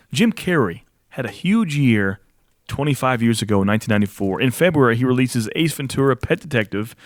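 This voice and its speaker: Male podcast co-host, mid-pitched, animated and giggly, dry recording. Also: dry recording. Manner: laughs often, animated storytelling. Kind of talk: casual chat.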